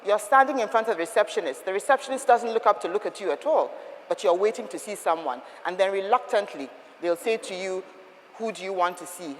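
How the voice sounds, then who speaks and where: Emphatic woman, lively pitch. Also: slight background noise. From Nigeria. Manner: emphatic, firm, asks rhetorical questions. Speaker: etiquette trainer. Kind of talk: instructive talk to a group. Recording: long reverb of a hall.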